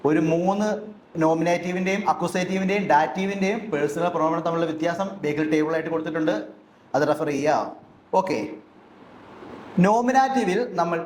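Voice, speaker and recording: A man's voice: a little high, a little mellow. A man teaching German grammar, explaining step by step and asking questions he then answers himself. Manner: asks questions and answers them himself, slowly and deliberately. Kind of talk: explanatory lesson. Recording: echoey room with faint background noise.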